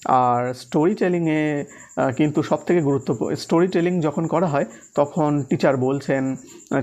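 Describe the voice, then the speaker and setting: A man with a Bengali accent teaching an exam-prep lesson. He reads English options slowly and explains them, with frequent "uh" fillers. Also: fairly high pitch, a little mellow. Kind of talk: explaining test answers in a recorded lesson.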